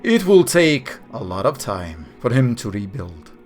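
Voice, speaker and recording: A man's voice: medium pitch, big pitch swings, faint music behind, voice pushed down. A man playing a solemn ancient archangel. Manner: solemn, slow and formal. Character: grave ancient male archangel, wise and stern.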